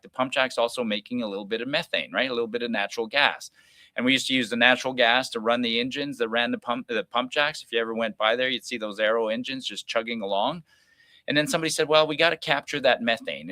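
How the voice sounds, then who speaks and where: A middle-aged man from Alberta hosts a call-in radio show, and he sounds bright and forceful. He rambles in a folksy, pragmatic way, restarting sentences and adding asides. The studio sound is close and dry. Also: mid-range voice, no echo. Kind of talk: opinionated talk radio monologue.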